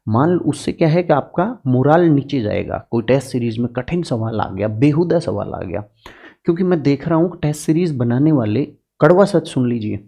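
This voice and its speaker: A man's voice: mid-range voice, lively intonation, normal speed, gravelly, dark tone. A man teaching political science exam strategy in an earnest, direct lecture, using homely farm examples to make his points.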